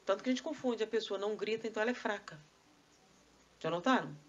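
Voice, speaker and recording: A woman's voice: mid-range voice, fast talker, dull audio. A woman with a Brazilian accent giving a live spiritist lecture, full of rhetorical questions and conversational asides. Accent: Brazilian Portuguese. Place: spiritist society meeting hall.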